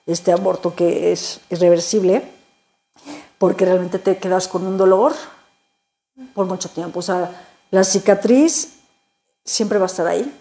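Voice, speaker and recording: Woman, interview guest sharing a faith testimony; mellow tone, heartfelt and halting, stumbles over repeated words. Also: fairly low pitch, steady tone.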